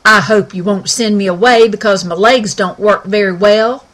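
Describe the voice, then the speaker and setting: A woman's voice: mid-range voice, moderate pace, a bit bright, close to an everyday voice. A woman voicing a folksy young male cowboy pony in a storybook, with a drawling western manner of talk. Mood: earnest.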